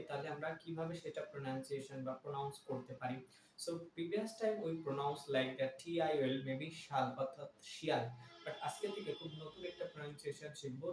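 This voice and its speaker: A man teaching English pronunciation. He mixes Bengali and English and repeats each word slowly several times. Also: a little high. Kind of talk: pronunciation lesson. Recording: echoey room, mic far off, faint noise.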